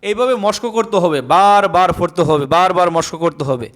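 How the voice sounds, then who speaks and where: A man's voice: sits high, moderate pace, fairly bright tone. A man teaching a lesson, patiently repeating each letter so learners can echo it. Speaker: Quran teacher. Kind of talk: slow, repetitive letter-drill lesson.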